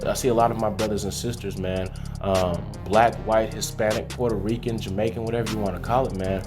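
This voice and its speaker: A man's voice: fairly low pitch, steady tone, a little fast, over music. A young man from Haiti, a guest on a radio interview, talking earnestly and casually, always asking "you know what I'm saying". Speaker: guest, credit repair consultant.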